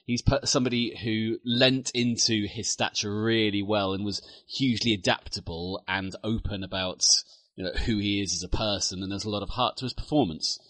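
Bright, dry-voiced man. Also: on the low side, steady tone, fairly quick, no echo. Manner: playful, jokes and puts on silly voices. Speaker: podcast co-host. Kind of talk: casual film chat.

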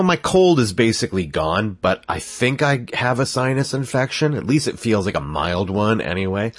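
This podcast host has a low-sitting voice captured in a dry recording, and he's stuffed up with a cold. His talk wanders loosely as he interrupts himself mid-thought and chuckles at his own expense.

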